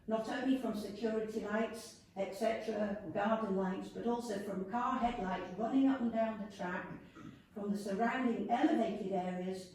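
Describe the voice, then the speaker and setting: A woman's voice: mid-range voice, warm tone. A woman speaking with braces on her teeth, reading a formal prepared statement to a committee as a member of the public. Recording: echoey room, distant mic, faint noise.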